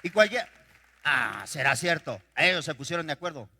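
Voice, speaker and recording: Pastor guy preaching in a big echoey church, gets loud then drops quiet. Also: a little high, sing-song, moderate pace, gravelly, breathy edge. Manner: preaching with sudden swings between loud declarations and quiet storytelling. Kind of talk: sermon. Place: church sanctuary. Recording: reverberant church hall.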